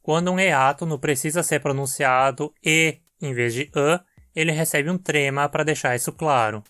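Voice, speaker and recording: A man teaching a pronunciation lesson, reading example words one at a time in a measured way. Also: on the high side, bright, forceful tone, no room sound. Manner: measured, reads word lists one by one. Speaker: language teacher.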